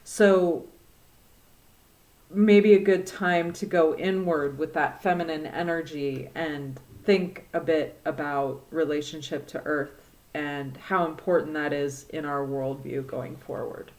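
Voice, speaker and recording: Slow, musing Midwestern woman. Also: deep voice, fairly even intonation, darkish tone. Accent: Midwestern American. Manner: slow, reflective, with frequent pauses and fillers. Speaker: tarot reader. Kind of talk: spoken divination reading.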